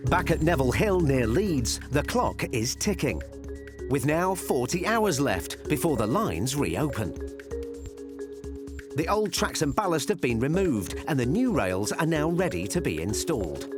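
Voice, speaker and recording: Male narrator, scripted documentary read, animated intonation, music underneath. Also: fairly high pitch, a little slow. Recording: music behind the voice. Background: background music.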